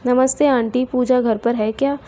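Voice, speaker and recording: A woman's voice: fairly high pitch, steady tone, normal speed, dark tone, lightly acted. A woman voicing an outspoken young female friend in a storybook tale. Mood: plain. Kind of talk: storybook character voice.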